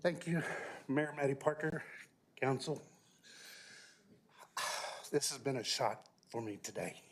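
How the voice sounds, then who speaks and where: A man's voice: medium pitch, a little slow, breathy edge. A man giving an informal, improvised public comment at a city council meeting, out of breath.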